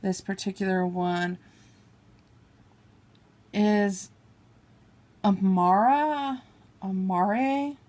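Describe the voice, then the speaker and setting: Drawing out her words and leaving long pauses, a beauty vlogger with a medium-pitched, darkish voice casually chats through a makeup haul. She swatches shades on her arm and apologizes for mispronouncing names, while a table-mounted camera films her hands.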